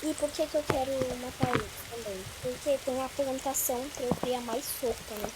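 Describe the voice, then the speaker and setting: A woman's voice: high-pitched, normal speed, very noisy. A young woman commenting on a survival game, anxious and exclaiming often as she talks to her viewers. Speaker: gaming streamer.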